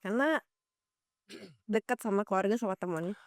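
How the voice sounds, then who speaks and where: A woman's voice: medium pitch, normal speed, no room sound, studio quality. A young woman, a student guest on a podcast, giving short, easygoing answers. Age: young adult. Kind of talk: casual interview.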